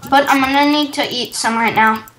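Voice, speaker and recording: A high-pitched woman doing casual game commentary, chatty and quick to exclaim. Her voice carries the echo of a bare room, with a faint hiss in the background. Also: steady tone, fairly bright tone. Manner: chatty, quick to exclaim, reads quest text aloud. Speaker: gaming channel host.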